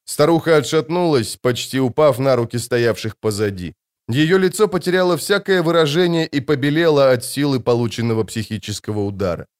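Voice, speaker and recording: A man narrating a novel as an audiobook reader, in a measured storytelling manner. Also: medium pitch, expressive, clear, resonant tone. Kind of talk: scripted literary narration.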